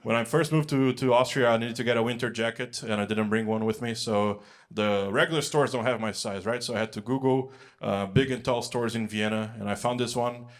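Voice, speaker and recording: A brisk, mid-range voice belongs to a young American comedian on stage at a large music hall. His set is loose conversational storytelling, full of fillers and quotes he plays out.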